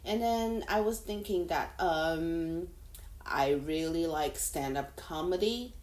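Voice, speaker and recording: In a roomy, echoing space, a Taiwanese woman with Mandarin as her first language talks slowly in a lowish, darkish voice. As host of a casual solo podcast, she chats and rambles, her second-language phrasing halting.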